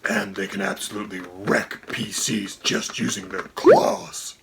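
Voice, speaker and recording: A man voicing a haughty dragon co-host who speaks in a gravelly, whispery voice and a dry, condescending tone. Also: lowish voice, wildly swooping pitch, unhurried, a loud crowd, heavily acted. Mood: deadpan. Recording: music playing under the voice.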